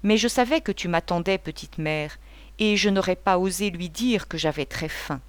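Lady reading a proud poor young woman, sharp and fed up, a bit higher than her own voice, storybook. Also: normal speed, no room sound, close to an everyday voice. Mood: indignant. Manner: sharp and indignant. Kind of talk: audiobook character voice.

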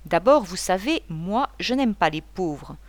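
A woman's voice: lowish voice, lively intonation, a little slow, no echo. A woman voicing a boisterous, talkative male painter who rambles and gives orders in a mocking tone. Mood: chattering, bossy.

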